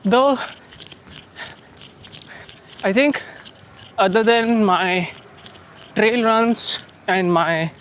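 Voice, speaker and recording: A man's voice: high-pitched, a bit bright. A man talking casually to his vlog audience while he runs outdoors, with some wind noise in the recording. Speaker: running vlogger. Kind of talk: casual vlog chat to camera. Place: outdoors on the move.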